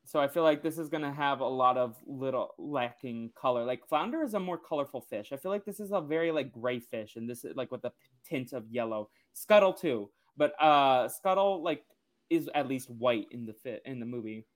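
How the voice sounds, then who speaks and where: A man's voice: mid-range voice, lively intonation, normal speed. A man co-hosting a podcast, casually recapping a cartoon episode in a loose, rambling way. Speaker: podcast co-host.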